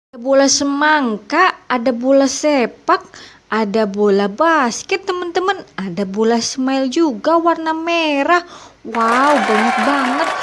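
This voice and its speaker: A woman with a very high voice hosts for small children at an unhurried, stretched-out pace. She is playful and full of exclamations, in the manner of a kids' party magician. She speaks straight to her young viewers as friends. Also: a bit bright. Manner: addresses young viewers as friends, frequent wows. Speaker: children's toy video host.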